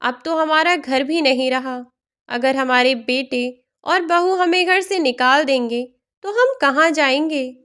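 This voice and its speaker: A woman voicing a calm, worried older father in a storybook tale, reasoning gently. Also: high voice, measured pace.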